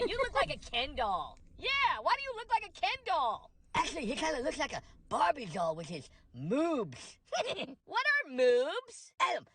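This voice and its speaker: A woman's voice: extremely high pitch, fairly bright tone, no echo, exaggerated voice. A woman playing spiteful, squabbling members of a cartoonish family in a comedy skit. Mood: mocking, indignant.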